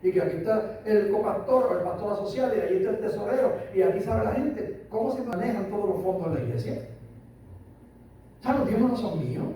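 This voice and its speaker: An older man from Puerto Rico, a pastor, preaches a sermon in Puerto Rican Spanish with a high, mellow voice, speaking emphatically, repeating phrases and asking listeners "¿entiendes?". The church hall mic catches him from far off, with echo and faint room noise.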